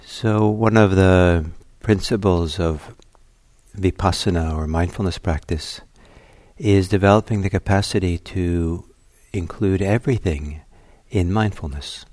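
Low-voiced, gentle meditation teacher. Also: male voice, no echo, studio quality. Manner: gentle, unhurried, many soft fillers. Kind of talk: dharma talk leading into guided meditation. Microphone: computer livestream setup.

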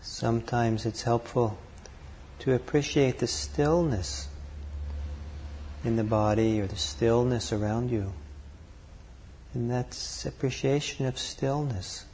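A man leading a guided meditation, calm and unhurried, speaking in short phrases with long pauses between them. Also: medium pitch, a little hiss or hum. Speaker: meditation teacher.

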